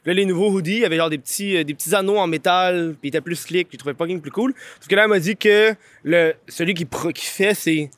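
A man's voice: high-pitched, fairly bright tone, no echo. A young man with a Quebec French accent, telling stories in slangy casual chat and laughing often. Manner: slangy, laughing, quick storytelling.

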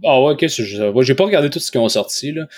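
A man's voice: medium pitch, lively intonation, fast, darkish tone, husky, dry recording. A man with a Québécois French accent co-hosting a casual chat, talking informally with slang and some English words. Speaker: podcast co-host. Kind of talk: casual chat about a TV series.

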